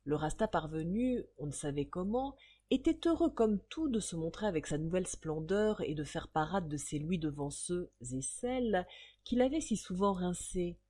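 A woman reading a short story aloud in an expressive storytelling manner, relishing old street slang. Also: lowish voice, normal speed. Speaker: narrator.

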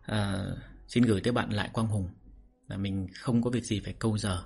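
A man's voice: fairly low pitch, a little fast, creaky, slightly rough, soft background music. A man, the channel's host, talking casually and a little defensively to his listeners. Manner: relaxed, mildly defensive, chatty.

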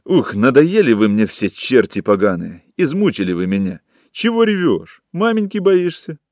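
A man voicing a coarse, scornful young woman who scolds and mocks in a raised, shrill voice. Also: sing-song, moderate pace, no echo, studio quality. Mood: contemptuous, scolding.

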